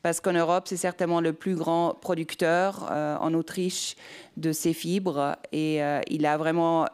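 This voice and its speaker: A woman speaking unscripted at a round-table discussion, deliberate and hesitant, repeating words as she formulates her point. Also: low-pitched, steady tone, darkish tone, clear, resonant tone. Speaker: panel speaker.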